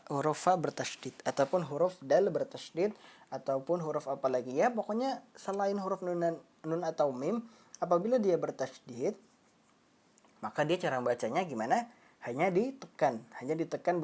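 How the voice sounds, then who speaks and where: A woman with a low, mellow voice leads a live online recitation lesson. She explains patiently, repeats herself, and draws example words out slowly. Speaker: Quran recitation teacher.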